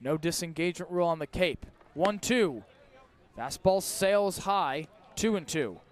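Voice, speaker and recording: Speaking at a measured pace, a man with a slightly high, animated voice provides live radio baseball commentary outdoors at the park. His calls are terse and descriptive, rising with the action.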